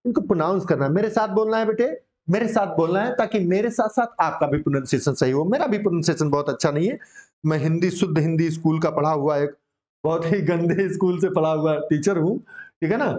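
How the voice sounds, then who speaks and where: A man's voice: on the high side, fairly quick, a little mellow. A male English vocabulary teacher, drilling words with students in a casual, encouraging coaching-class manner. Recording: dull lo-fi sound.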